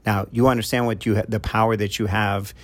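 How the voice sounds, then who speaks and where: A middle-aged New Yorker with a New York accent works as a love coach, giving his podcast listeners a loose, conversational advice monologue full of "uh" fillers and restarts. His voice is lowish, flat, and brisk.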